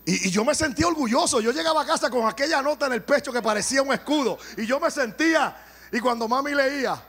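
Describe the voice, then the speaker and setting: Husky Puerto Rican preacher, high voice. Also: male voice, quick pace. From Puerto Rico. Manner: animated preaching that swells to shouts, then drops to joking asides. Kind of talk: sermon.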